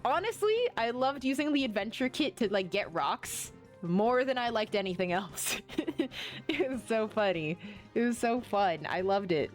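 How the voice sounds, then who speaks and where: A woman's voice: a little high, lively intonation, normal speed, soft background music. A woman streaming a game, chatting casually, rambling and often gushing as she plays. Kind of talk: casual live-stream chat while playing.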